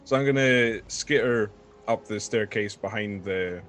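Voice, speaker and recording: A man with a lowish voice takes his turn in a tabletop game. He speaks hesitantly, filling gaps with ums and uhs. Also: measured pace, a bit bright. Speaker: player. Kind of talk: casual tabletop game play.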